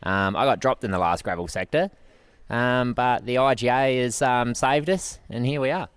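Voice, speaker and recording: A man in his twenties from Adelaide with an Australian accent, speaking upbeat and relaxed. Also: mid-range voice, normal speed, smooth, no room sound. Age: 20s. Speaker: racing cyclist.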